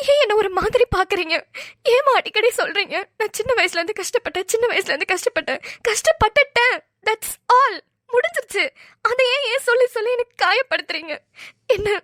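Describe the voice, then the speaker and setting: A woman's voice: very high-pitched, a bit bright, dry recording, studio quality. A woman voicing a hurt, defensive young woman in a cartoon, talking in an upset, pleading way. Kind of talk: cartoon voice acting.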